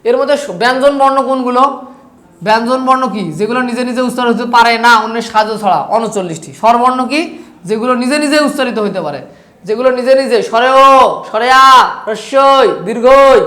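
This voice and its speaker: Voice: medium pitch, fast, fairly bright tone. A teacher with a Bangladeshi Bengali accent giving an online class lecture over slides, repeating points and asking questions that they then answer. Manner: repetitive, asks questions and answers them. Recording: roomy echo.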